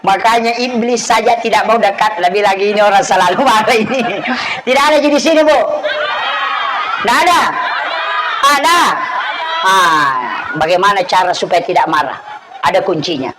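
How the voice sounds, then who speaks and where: Joking Bugis preacher. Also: male voice, high voice, normal speed, pauses often, a crowd in the background, noisy background. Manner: joking, teasing the audience, acts out scolding parents. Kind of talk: humorous religious sermon. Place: evening religious gathering.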